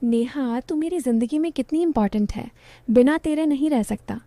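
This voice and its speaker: A woman's voice: high voice, moderate pace, warm tone, no room sound. A woman voicing a teasing young man.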